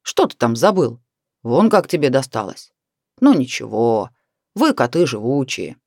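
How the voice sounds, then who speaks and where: A woman's voice: very deep voice, very animated, a little slow, a little mellow, dry recording, studio quality, pitched below the performer's own voice, full character voice. A woman doing a grumbling old cemetery watchman. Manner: grumbling, stern but kind. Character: stern, hungover old male cemetery watchman.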